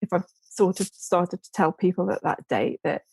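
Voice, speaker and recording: A woman's voice: lowish voice, moderate pace, gravelly, a little mellow, husky, no room sound. A woman guest chatting casually in an interview, rambling with restarts and giggling now and then. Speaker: podcast guest, ceramics business owner.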